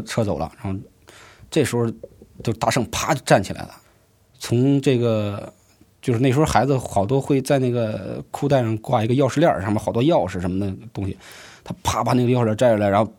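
A man tells a story from his own life, speaking in a fairly low voice. He talks in an unhurried, conversational way and often restarts his sentences mid-thought. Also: darkish tone. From rural Hebei, China. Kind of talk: first-person storytelling.

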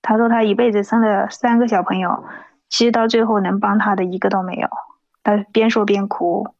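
A woman's voice: mid-range voice, fairly even intonation, brisk, darkish tone, no echo, lo-fi sound. A woman in her thirties from mainland China tells a personal story plainly and unhurriedly, with small restarts. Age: 30s.

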